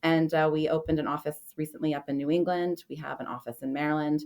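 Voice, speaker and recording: A middle-aged woman giving a steady, orderly self-introduction as a podcast guest. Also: sits low, quick pace. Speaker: podcast guest, association president.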